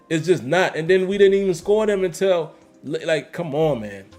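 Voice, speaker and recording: Brief: male stream host, casual sports talk, emphatic and repetitive, slightly higher voice, faint music bed. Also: lively intonation, moderate pace, a little mellow. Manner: emphatic, repeats phrases, slangy. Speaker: host reading live chat. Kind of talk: casual livestream commentary.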